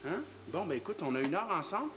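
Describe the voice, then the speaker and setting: A man with a Quebec French accent in a comedy sketch, playing a massage therapist who breaks into shrill, high-pitched cries. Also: lively intonation, quick pace, noisy background.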